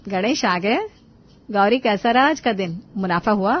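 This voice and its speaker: A woman voicing a calm, sensible older sister-in-law in a cartoon, speaking in a measured way. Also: mid-range voice, lightly acted. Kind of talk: cartoon voice acting. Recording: dull dry studio voice-over.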